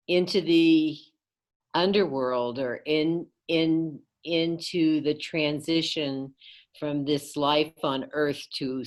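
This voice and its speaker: A middle-aged woman, an astrologer, speaking in a slow, halting, thoughtful way. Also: low-pitched. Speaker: astrologer co-host. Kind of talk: casual conversation.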